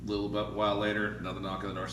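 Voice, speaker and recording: A low-voiced comedian with a relaxed, low-key delivery, telling old-school jokes in casual banter. He is recorded in an echoey comedy club some way from the mic. A clear hiss runs under his voice. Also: rapid-fire. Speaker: comedy podcast co-host. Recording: echoey room from far off, hiss.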